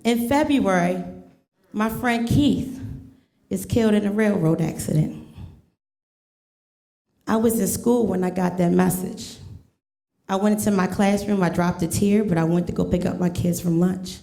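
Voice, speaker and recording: A woman's voice: medium pitch, measured pace, gravelly, pauses often, mellow. A woman teacher telling a personal story on stage, earnest and emphatic, leaning on repeated refrains. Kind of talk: live storytelling. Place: museum event hall with audience. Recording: echoey room.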